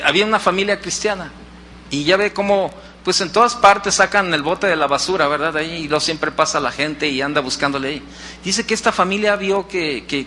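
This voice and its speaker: A man's voice: high-pitched, bright, forceful tone, a little hiss or hum. A man preaching a sermon in church, who repeats key phrases and acts out the people in his stories. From Mexico. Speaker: pastor. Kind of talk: sermon with storytelling.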